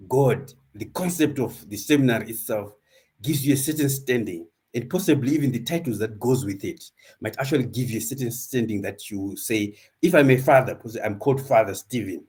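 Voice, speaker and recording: Husky man, thoughtful talk. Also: mid-range voice, a little mellow. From Zimbabwe. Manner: thoughtful, halting, searching for words. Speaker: academic speaker at a postgraduate symposium. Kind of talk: reflective personal talk. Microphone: video call.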